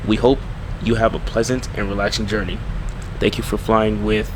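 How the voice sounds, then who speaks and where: A courteous airline captain, played by a man, gives a formal in-flight announcement in a low voice. Clear rumbling aircraft noise sits behind the polite, scripted delivery. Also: level tone, moderate pace, natural voice. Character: courteous male airline captain addressing passengers. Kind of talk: airport-style in-flight announcement.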